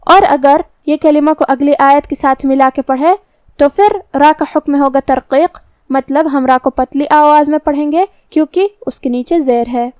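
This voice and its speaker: A woman teaching Quran recitation, explaining each letter's pronunciation slowly and precisely. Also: sits high, darkish tone, no echo. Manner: slow, careful, precise articulation. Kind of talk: tajweed lesson, explaining letter by letter.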